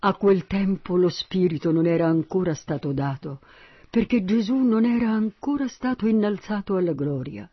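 A man narrating a Bible passage in a steady, slightly husky voice. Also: sits high, moderate pace, no room sound, lo-fi sound. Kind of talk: Bible reading.

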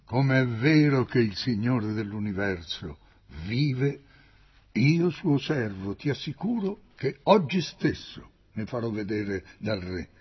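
A man's voice: medium pitch, animated, slow pace, breathy edge. A man reading as a stern, commanding old prophet. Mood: rebuking. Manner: declamatory, rising to loud emphatic peaks. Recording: dull lo-fi recording.

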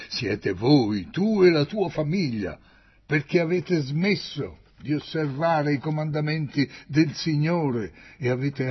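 A man voicing a stern, commanding old male prophet in a read-aloud Bible story, declaiming with loud emphatic peaks. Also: mid-range voice, breathy edge. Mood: rebuking. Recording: dull lo-fi recording.

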